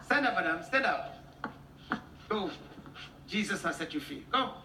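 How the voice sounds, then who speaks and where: A man's voice: high-pitched, animated, unhurried, bright, forceful tone. A man leading a healing service as pastor, giving short commanding orders in non-standard English. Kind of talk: prophetic healing ministration. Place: large church hall. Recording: echoey hall, distant mic, faint noise.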